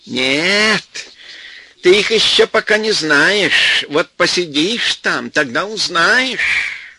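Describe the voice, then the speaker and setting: A shrill, vindictive older village woman screams threats at her son-in-law, voiced by a man reading a storybook. Her voice leaps high and bright with a husky edge. It sounds dry and close. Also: expressive, takes it slowly, dry recording, heavily acted. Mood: shrieking. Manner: shrieking, threatening.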